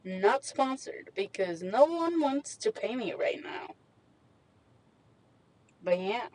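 In a slightly mellow, sing-song voice on the high side, a young woman of Mexican heritage talks slowly into a handheld USB microphone from her small parked car. As a vlogger she rambles in casual, slangy chat and makes fun of herself, though the audio is poor.

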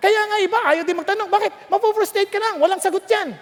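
A woman delivers a sermon in a strikingly high voice. She tells stories animatedly, slipping into voices and laughing along the way. Her words ring out with a long hall reverb. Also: fast talker. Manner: lively storytelling, acts out voices, laughs often. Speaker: preacher.

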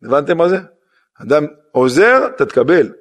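A middle-aged rabbi giving a sermon, driving points home with rhetorical questions and repetition. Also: male voice, fairly high pitch, very animated.

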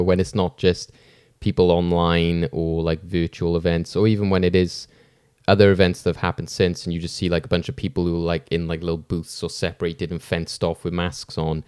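Deep-voiced man hosting casually. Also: a little mellow, clean tone, no room sound, clean studio sound. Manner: rambling, informal. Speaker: podcast host.

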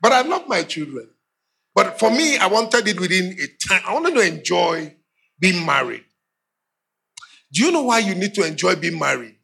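A Nigerian pastor in middle age tells funny stories from the pulpit, laughing and acting out voices as he goes. His voice sits high and swings widely. It is bright, with a gravelly, husky edge. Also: sing-song, normal speed, long pauses. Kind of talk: humorous sermon storytelling.

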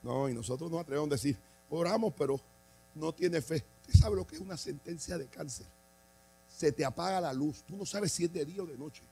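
Gravelly-voiced impassioned preacher man. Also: on the high side, brisk, slight background noise, low-quality recording. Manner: impassioned, swings from quiet to shouting. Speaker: bishop and pastor. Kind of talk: preaching a sermon.

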